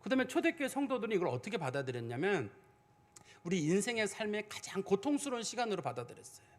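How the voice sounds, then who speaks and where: A man's voice: high voice, sing-song, quick pace. A male pastor preaching a sermon in a conversational way, acting out the prayers he quotes.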